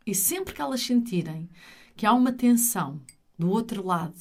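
A woman's voice: mid-range voice, lively intonation, moderate pace. A middle-aged woman with a European Portuguese accent, speaking as an interview guest in an earnest, emphatic, explanatory way. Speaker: interview guest, retreat leader.

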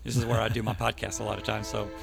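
Gravelly man hosting a podcast. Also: lowish voice, rapid-fire, faint music behind. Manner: relaxed, opinionated, chatty. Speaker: podcast host. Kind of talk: casual chat. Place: band rehearsal space by a train track. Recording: podcast in a rehearsal space.

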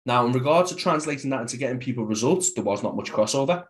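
A man's voice: medium pitch, animated, fast talker. Young Scouse man, podcast guest, casual and rambling. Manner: rambling, heavy use of "like". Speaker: podcast guest, fitness coach.

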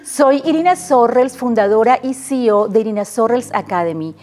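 High mellow woman in a promo. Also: normal speed. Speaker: academy founder in an ad. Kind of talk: scripted promotional read.

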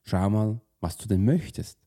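A man delivers a motivational lesson in a low, mellow voice. He speaks directly to the listener in a casual, informal way. He asks many rhetorical questions and often breaks off words to start them again. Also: lively intonation, measured pace. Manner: informal, restarts mid-word. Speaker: profiling coach. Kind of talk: motivational teaching monologue.

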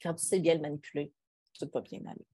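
A woman's voice: low-pitched, animated, fast, warm tone, breathy edge, no room sound. A woman with a Quebec French accent, talking casually on a podcast in an emphatic, colloquial way with rhetorical questions. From Quebec, Canada.

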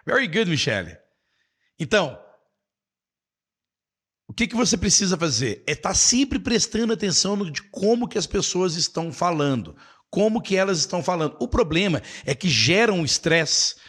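A man's voice: sits high, sing-song, normal speed, fairly bright tone, breathy edge. A middle-aged Brazilian man hosting a live English class, encouraging viewers and repeating key phrases, mixing in English. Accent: Brazilian Portuguese.

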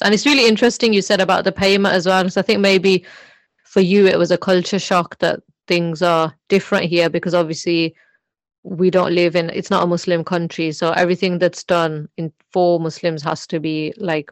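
A woman's voice: lowish voice, no echo. A woman, hosting a casual chat and encouraging her guest with frequent listening cues. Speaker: host.

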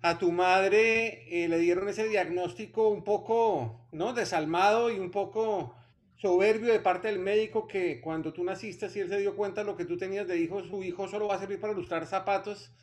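Interviewer guy, fairly high voice, asks long wordy questions. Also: steady tone, moderate pace.

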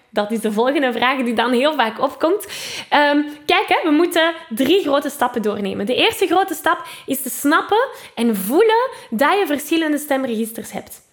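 A woman's voice: high voice, animated, normal speed. A woman with a Flemish accent, a singing teacher who explains vocal technique patiently and often adds "hè", breaking into short sung demonstrations. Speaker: singing teacher and podcast host.

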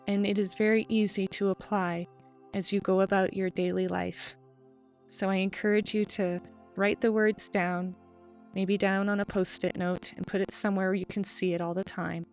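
A woman hosting a podcast, leading a guided meditation in a calm, slow and measured voice with soft pauses. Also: mid-range voice, faint music behind. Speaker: podcast host.

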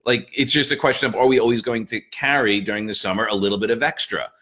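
A man's voice: fairly low pitch, steady tone, fast talker, bright, forceful tone. A man co-hosting a podcast, rambling in an easygoing way. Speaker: podcast co-host. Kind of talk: casual chat.

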